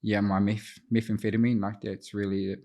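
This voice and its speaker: As an interview guest on a podcast, an addiction counsellor in his thirties from Auckland, New Zealand, raised speaking Te Reo Māori, reflects on his life with some hesitation. He has a New Zealand accent and a lowish, level, slightly mellow voice at a moderate pace.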